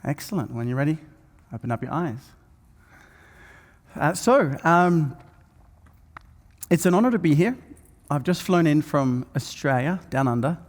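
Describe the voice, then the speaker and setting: A man from Norway, opening a conference and guiding the audience through a calm breathing meditation with frequent fillers. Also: a little high. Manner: soft, slow guiding voice with many fillers. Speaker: speaker guiding a breathwork session. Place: large event hall with live audience. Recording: long hall reverb.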